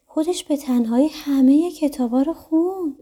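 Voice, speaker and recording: A gentle toy kangaroo from a children's storybook thinks aloud in a soft, musing voice, as a woman narrator puts him on. The tone is mellow and warm, pitched a little high. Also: close to an everyday voice. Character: gentle toy blue kangaroo, quietly thoughtful.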